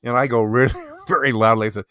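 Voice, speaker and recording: A man's voice: mid-range voice, steady tone, fast, a bit bright, dry recording, clean studio sound. A man co-hosting a podcast, casually telling a story and acting out the voices of both sides. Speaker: podcast co-host. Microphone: podcast mic.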